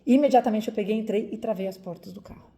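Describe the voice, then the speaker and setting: A woman's voice: mid-range voice, fast talker, warm tone. A woman from Brazil in her forties, a doctor, telling viewers a personal story in an emotional, vivid way with lots of repetition.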